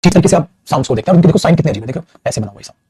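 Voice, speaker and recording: A man's voice: on the high side, lively intonation, racing, mellow, husky, no echo. A man teaching an English grammar lesson in Hindi, calling his students beta and repeating his points with emphasis, with a Hindi accent on English words.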